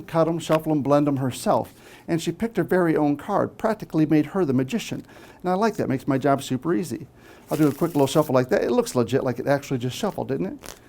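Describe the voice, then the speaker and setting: A man's voice: a little high, darkish tone, a little hiss or hum. Playful male magician working a live crowd. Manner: teasing, playful banter with volunteers; frequent tag questions. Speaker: stage magician. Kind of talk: live stage patter to an audience. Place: small theatre stage before a live audience.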